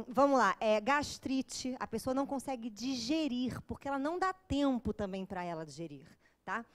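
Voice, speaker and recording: A woman's voice: fairly high pitch, expressive, moderate pace. A woman with a Brazilian Portuguese accent giving an informal, joking lecture to a live audience. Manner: joking, chatty, with acted asides.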